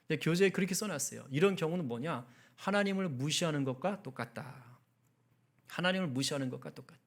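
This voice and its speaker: Man, pastor, sermon, high-pitched voice, chatty preaching, questions to the congregation. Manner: conversational, asks the congregation questions; acts out angry outbursts in quoted speech. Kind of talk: sermon at a midweek prayer meeting.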